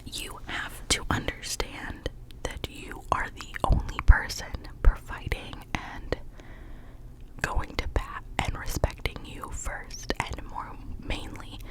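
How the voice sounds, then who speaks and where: An ASMR host giving a whispered pep talk of positive affirmations in a gentle, encouraging manner, often repeating phrases slowly. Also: rough recording.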